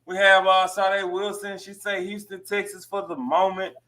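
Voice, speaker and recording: A man who is the DJ and co-host, reading viewer names in laid-back, casual shout-outs. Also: sits high, little pitch movement, moderate pace. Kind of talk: casual live-stream chat.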